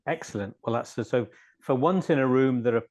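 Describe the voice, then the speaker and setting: A man's voice: medium pitch, a little fast, darkish tone. Man hosting, chatty with repeated words. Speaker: host. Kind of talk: hosted interview.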